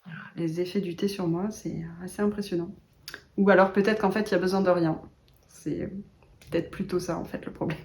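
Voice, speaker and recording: A woman's voice: on the low side, steady tone, fairly quick, darkish tone. Chatty self-mocking woman knitter. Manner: chatty and self-mocking, laughs often, many hesitations. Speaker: yarn shop owner and knitter. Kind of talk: casual knitting vlog chat.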